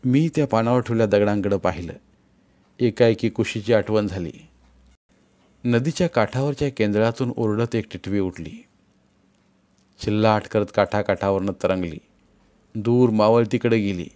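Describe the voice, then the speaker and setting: A man narrating a story in a measured, steady storytelling manner. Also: fairly low pitch. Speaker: audiobook narrator.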